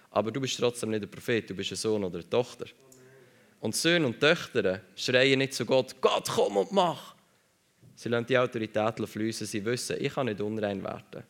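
A male preacher delivers a sermon in a gravelly, middle-pitched voice. He speaks with emphasis and drives points home by repeating his phrases.

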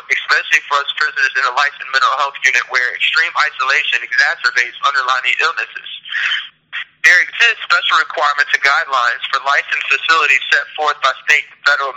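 A man's voice: medium pitch, sharp tone. A man calling from prison on a prison phone line, talking earnestly and reading out an essay he wrote. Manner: earnest, reads out his own written essay. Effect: speaking over a prison phone line. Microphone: prison telephone.

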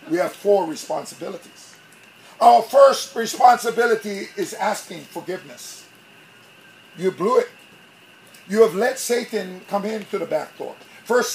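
High-voiced preacher, animated. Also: male voice, slight background noise, rough recording. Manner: animated preaching, acts out little scenes. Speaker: pastor. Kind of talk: sermon.

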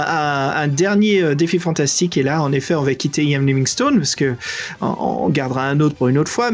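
A man with a French accent co-hosting a podcast in casual, excitable, slangy chat. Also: a little high. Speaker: podcast co-host.

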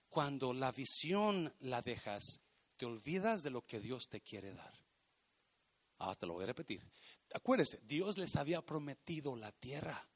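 A man preaching a sermon as pastor, emphatic and repetitive, rising to loud shouts and slipping English phrases into his Spanish. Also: mid-range voice.

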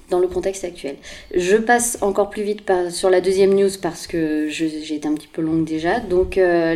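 Woman, low voice, mellow tone, hesitant, lots of fillers, casual news chat. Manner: hesitant, many fillers, self-deprecating. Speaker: podcast co-host presenting news.

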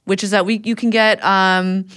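A woman's voice: medium pitch, flat delivery, normal speed, fairly bright tone. A woman co-hosting a podcast, chatting casually and jokingly through an ad read, giggly and teasing. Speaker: podcast co-host.

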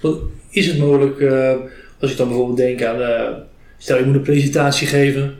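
A man interviewing casually, phrasing his questions in a tentative, halting way. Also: mid-range voice, fairly even intonation, a little mellow. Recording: echoey room.

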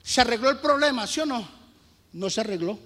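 Pastor guy, super high bright voice, preaching loud then hushed, long churchy echo. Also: expressive, a little fast. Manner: swings from hushed asides to emphatic shouting; storytelling with rhetorical questions to the congregation. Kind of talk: sermon.

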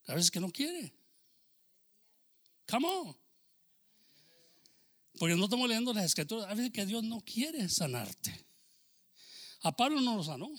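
A man with a fairly high, fairly bright voice preaches a sermon with rising fervor. He calls his listeners "hermano," punctuates with "aleluya," and code-switches into English phrases now and then.

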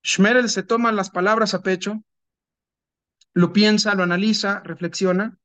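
A male rabbi tells a parable with dramatic, deliberate pacing. His voice is high and bright. The recording is dry and close. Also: steady tone, dry recording. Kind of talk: sermon storytelling.

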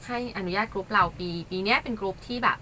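A woman guest in casual chat, telling a story with animated delivery and acting out the quotes. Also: mid-range voice, quick pace, slight background noise.

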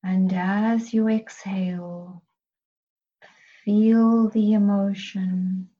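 A woman guiding a healing meditation in a soft, soothing voice, sometimes whispering her breath cues. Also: medium pitch, muffled recording. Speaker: meditation guide.

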